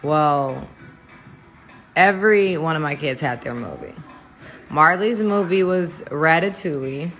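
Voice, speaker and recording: A woman's voice: low voice, expressive, takes it slowly, long pauses, fairly bright tone, soft background music. A woman in her thirties chatting casually on a phone livestream from her home kitchen, rambling and laughing easily. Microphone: phone held close.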